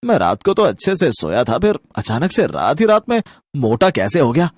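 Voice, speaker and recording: A woman voicing grown men in a cartoon, loud, hurried and complaining, bewildered at having grown fat. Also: deep voice, sing-song, no room sound, clean studio sound, pitched below the performer's own voice. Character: bewildered grown-up male townsmen turned fat. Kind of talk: cartoon voice acting.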